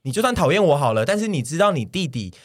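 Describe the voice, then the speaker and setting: A young man with a Taiwanese Mandarin accent, co-hosting a podcast in casual chat and telling a story with lively acted-out quotes. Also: fairly high pitch, fast talker. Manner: animated storyteller, acts out his own shouting in quotes. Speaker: podcast co-host.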